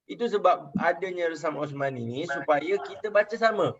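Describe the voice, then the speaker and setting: Over a loud crowd, a young adult man with a Malaysian Malay accent teaches children in an online religious class, patiently repeating questions and checking that they follow. His voice sits on the high side at a moderate pace. The video call audio is muffled and lo-fi.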